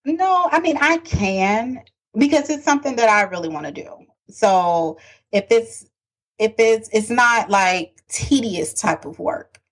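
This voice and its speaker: A woman co-hosting a podcast, speaking in a casual, measured way. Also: a little high, animated. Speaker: podcast co-host. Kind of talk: casual chat.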